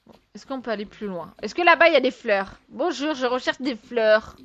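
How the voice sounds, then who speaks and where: A woman with a slightly high voice talks her viewers through a game, chatty and exclamatory. She keeps up a running commentary full of exasperated asides and sighs, in a loose, unscripted let's-play style. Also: animated, brisk, a bit bright, lo-fi sound. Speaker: gaming video creator.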